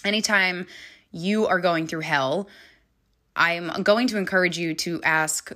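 Woman podcast host rambling through her week, bright tone, lowish voice, lots of ums and laughs. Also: measured pace. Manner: chatty, candid, laughs often, many fillers. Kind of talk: casual personal storytelling.

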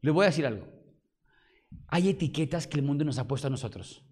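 A male preacher delivers a lively sermon in a fairly high voice. He swings from loud exclamations down to quiet murmurs. He keeps putting rhetorical questions to his congregation. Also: a little fast, slightly rough.

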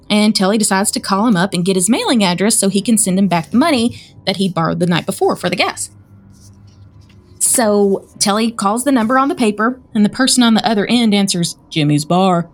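A woman with a Southern American accent, co-hosting a podcast and chattily retelling a spooky story. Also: medium pitch. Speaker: podcast co-host. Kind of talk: casual storytelling chat.

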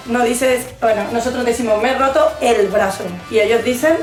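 A woman's voice: a little high, steady tone, moderate pace, roomy sound, faint music behind. A woman, explaining English mistakes in a casual co-hosted lesson, teasing her partner. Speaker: co-host teaching English.

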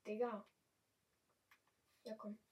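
A young woman speaking standard German, chatting casually and excitably while commentating her gameplay. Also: mid-range voice, extremely slow, far from the mic, rough recording. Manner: chatty, excitable, yelps and exclaims often. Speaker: gamer streamer.

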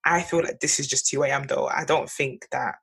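A young woman with a husky voice, co-hosting a casual podcast and rephrasing thoughtfully as she explains. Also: very deep voice, steady tone, fairly quick, fairly bright tone. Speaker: podcast co-host. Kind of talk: casual conversational podcast chat.

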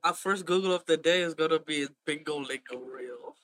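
A young man from India co-hosting a podcast in casual comedic banter, animated, crude and full of swearing. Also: a little high, moderate pace, a crowd in the background. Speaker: podcast co-host.

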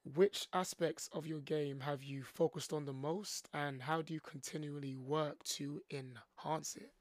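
A man's voice: fairly high pitch, dry recording. A man hosting a podcast interview, affirming his guest often and repeating words as he gathers his thoughts. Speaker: podcast host, coach.

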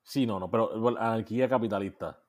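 A man co-hosting a laid-back podcast, with a lowish voice. He tells stories in a loose, profane way and slips into English now and then. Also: fast talker. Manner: profane storytelling, mixing in English phrases. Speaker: podcast co-host. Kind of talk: casual chat.

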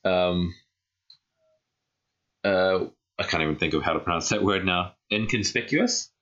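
A man's voice: low-pitched, level tone, a little slow, fairly bright tone, lo-fi sound. A man co-hosting a podcast, chatting casually in a rambling way, full of fillers and tag questions. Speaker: podcast co-host. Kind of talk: casual chat.

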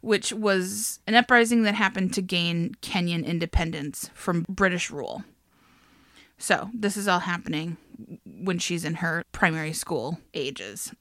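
Unhurried and fairly bright in tone, her lowish voice comes through a dry, clean studio recording. She's a young podcast co-host chatting casually through a biography, swearing and laughing often along the way.

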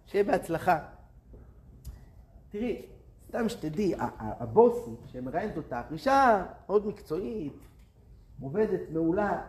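A man's voice: sits high, a little mellow. A man voicing a friendly male office worker giving a casual warning, in a roomy space. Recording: roomy with faint noise.

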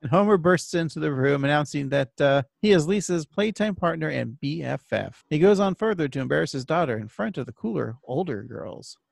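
A man's voice: fairly high pitch, animated, brisk, vocal fry, few pauses, no echo, studio quality. A man co-hosting a podcast, recapping an episode in laid-back casual chat and laughing often. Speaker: podcast co-host.

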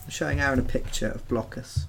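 A man's voice: medium pitch, steady tone, fast talker, gravelly, fairly bright tone, faint music behind. A man co-hosting a podcast, chatting casually about a video game in a rambling, joking way with many fillers. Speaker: podcast co-host.

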